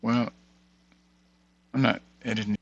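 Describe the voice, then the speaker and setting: A man hosts an unscripted screen-share tutorial, muttering to himself as he reads items off one at a time and thinks aloud. His voice is on the low side and creaky, with a steady tone and slow pace. The audio has no echo, and the high frequencies are cut off.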